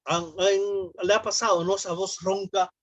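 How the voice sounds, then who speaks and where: A man's voice: high voice, level tone, normal speed, no echo. A man, a pastor, teaching a church class on public speaking. He explains terms, asks the class questions and acts out sample greetings.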